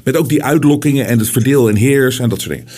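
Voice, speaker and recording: A man's voice: medium pitch, fast, a little mellow. A man hosting a casual talk show, speaking emphatically and repeating words when worked up. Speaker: host. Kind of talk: casual conversational podcast talk.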